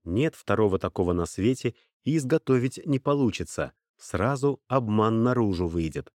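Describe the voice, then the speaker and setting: A man narrates an audiobook in an even, storytelling manner. His voice sits somewhat low, and the recording is dry and close. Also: normal speed, dry recording. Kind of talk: scripted narration.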